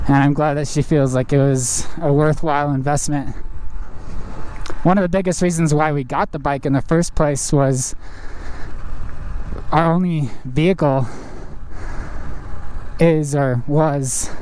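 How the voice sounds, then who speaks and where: Male motovlogger, mellow and unforced, casual halting delivery from inside a helmet, faint ride noise behind. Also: on the high side, steady tone. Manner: rambling, halting, thinking aloud. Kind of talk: casual chat while riding. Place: inside a helmet, riding outdoors on a trail. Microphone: helmet microphone. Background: faint vehicle and riding noise.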